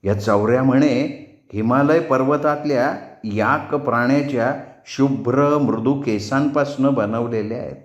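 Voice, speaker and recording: A male storyteller reading a novel aloud in a measured, descriptive way. He takes his time, with a very slow pace and a mid-range voice. The recording has a noticeable roomy echo. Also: mid-range voice, dull audio. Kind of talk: audiobook narration of a novel.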